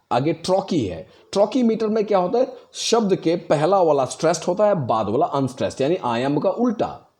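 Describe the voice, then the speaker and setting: A male teacher walks learners through poetic meter in a patient, explanatory way. His pitch swings in a lively way as he leans on stressed syllables to show them. The voice is warm and dark-toned. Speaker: English teacher. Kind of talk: explanatory lesson.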